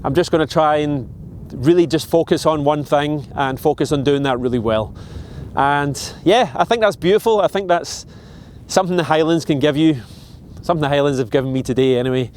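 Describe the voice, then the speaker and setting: Shivering on a cold mountainside, a reflective Scottish man in his forties chats casually to camera for his vlog. His voice is fairly high and a little mellow, his speech halting with many restarts and fillers, and slight hiss or hum can be heard.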